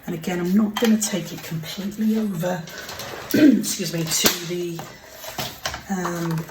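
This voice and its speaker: A woman with a fairly low voice talks slowly through a casual crafting tutorial, chatty and apologetic, now and then slipping into a half-whisper. She sits some way from the mic in a roomy space, and dishes and pans clatter clearly in the background. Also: steady tone, very noisy. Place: home craft desk. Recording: roomy, mic set far off, kitchen clatter behind.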